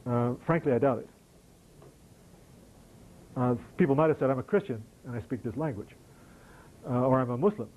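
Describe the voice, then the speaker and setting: A man's voice: medium pitch, moderate pace, pauses often, a little mellow, rough recording. A middle-aged American man answering audience questions after a lecture, conversational and wry, with frequent restarts. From United States. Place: lecture hall.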